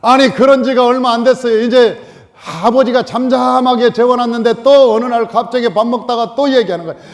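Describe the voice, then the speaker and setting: A male pastor preaching a sermon, telling the story with animated acted-out quotes. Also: very high voice, moderate pace, in a large hall.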